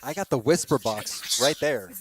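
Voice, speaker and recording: A man's voice: mid-range voice, animated, moderate pace, background noise. A man hosting a late-night live stream and trying to contact spirits, talking to his chat in a wry, self-mocking way. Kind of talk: casual live-stream commentary.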